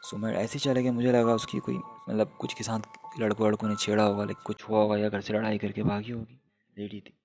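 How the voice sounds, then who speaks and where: Gravelly, flat-voiced young man telling a ghost story. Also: on the low side, a little fast, soft background music. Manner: chatty, sprinkles English fillers, addresses viewers as guys. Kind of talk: casual first-person horror story telling.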